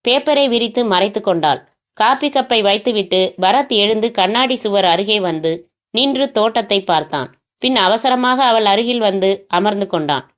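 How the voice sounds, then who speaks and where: A woman narrating a crime novel in a steady storytelling manner. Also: medium pitch, normal speed.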